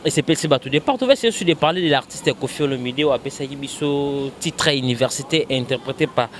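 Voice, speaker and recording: A man's voice: mid-range voice, quick pace, slight background noise. A man hosting a talk show outdoors, announcing it in an emphatic, formal style into a handheld microphone. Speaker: host. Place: outdoors against a concrete wall.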